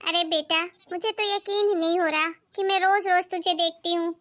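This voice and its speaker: A woman voicing a patient, doting older mother-in-law in an animated family skit, speaking in a soothing way. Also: very high voice, normal speed. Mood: gentle. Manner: soothing, calming her angry daughter.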